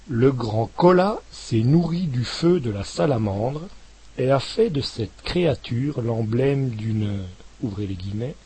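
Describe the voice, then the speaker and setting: Male dictation reader, breathy, very slow and measured, calls out punctuation. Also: darkish tone, rough recording. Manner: measured, articulating each word, dropping lower on punctuation marks.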